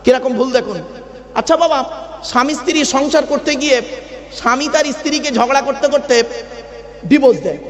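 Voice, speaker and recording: A man's voice: extremely high pitch, brisk, pauses often. A man preaching, teaching correct Quranic pronunciation by chanting verses and quizzing his listeners. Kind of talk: sermon. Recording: long echoey reverb of a large venue.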